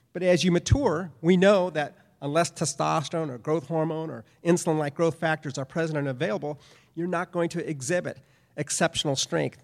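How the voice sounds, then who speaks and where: Middle-aged man, lecture presentation, fairly high voice, long hall reverb. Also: creaky. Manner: emphatic, repetitive phrasing, speaks to an audience. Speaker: professor giving a conference presentation.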